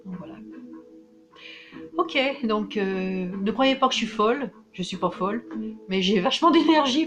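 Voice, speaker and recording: A woman from France talking in a casual vlog monologue, excitable and emphatic, with frequent restarts. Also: fairly low pitch. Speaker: vlogger.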